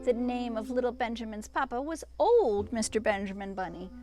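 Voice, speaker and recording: A woman with a high voice reads a children's storybook aloud. Her delivery swings widely in pitch and is full of expression, with chatty asides to young listeners. Music plays behind her. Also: animated, normal speed.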